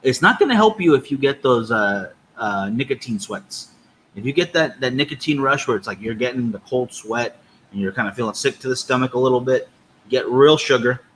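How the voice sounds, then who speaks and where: Male podcast co-host, medium pitch, relaxed review chat, some noise behind the voice. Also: a little fast, poor audio. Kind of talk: casual cigar review chat.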